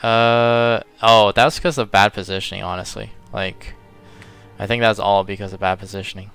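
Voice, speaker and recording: A man recaps a strategy game battle in a loose, thinking-aloud way, pausing and restarting often. His voice is lowish but bright and forceful. A faint bed of music plays behind him. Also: steady tone, gravelly, clean tone. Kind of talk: casual let's-play commentary.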